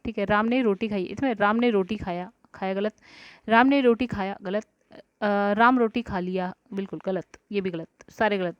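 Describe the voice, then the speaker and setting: At a moderate pace and mid-range pitch, a woman talks aloud through each answer in an exam-prep grammar lesson, often saying "ठीक है" and "guys" to check in. There's no echo; the recording is dry, dull and lo-fi.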